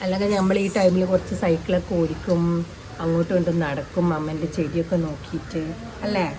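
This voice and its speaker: A young adult woman, a mother vlogging with her little daughter, coaxing and teasing her with questions, then dropping to quieter asides for viewers. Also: on the low side, steady tone, quick pace, slight background noise, rough recording. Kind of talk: casual family vlog chat.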